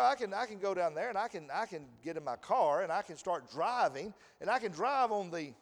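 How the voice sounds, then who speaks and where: An American man preaching a sermon, animated, often laughing and reading scripture aloud in a raised voice. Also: on the high side, vocal fry. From United States. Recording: long hall reverb.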